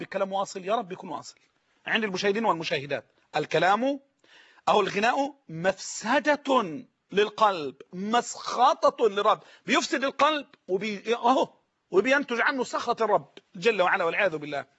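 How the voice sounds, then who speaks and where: Fast, high-voiced Egyptian preacher. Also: male voice, a bit bright, slightly rough. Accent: Egyptian Arabic. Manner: emphatic, repeats key phrases slowly. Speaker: Islamic preacher. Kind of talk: sermon. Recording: muffled lo-fi sound.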